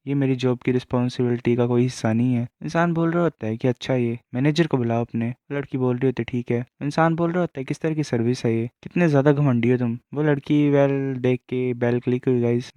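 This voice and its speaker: A man narrating an anime story recap quickly, retelling each character's lines in his own plain voice. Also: mid-range voice, warm tone, no room sound, muffled recording.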